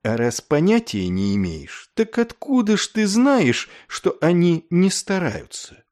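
A weary young airman, as a male reader puts him on in an audiobook, talking in a calm, reasoning, dry way. The intonation rises and falls freely as he makes his point. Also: high voice, unhurried, voice pushed up. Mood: calmly reasoning.

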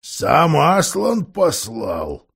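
A man's voice: on the high side, huge pitch swings, very slow, creaky, a bit bright, slightly rough, heavily acted. A man voicing a grumpy, half-deaf old male dwarf lord who grumbles and mishears words.

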